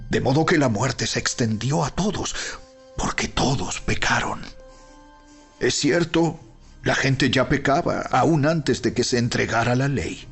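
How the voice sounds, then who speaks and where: A man reading dramatized Bible narration in a solemn, deliberate, emphatic way, with weighty pauses and a gravelly, husky voice. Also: mid-range voice. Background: background music.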